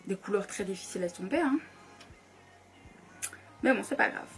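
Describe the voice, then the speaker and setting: A young woman chatting casually through a makeup tutorial at home, keeping her voice soft so she won't disturb anyone. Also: mid-range voice, lively intonation, moderate pace, soft background music. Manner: chatty, talks softly so as not to disturb. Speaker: beauty YouTuber. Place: home room at a makeup table.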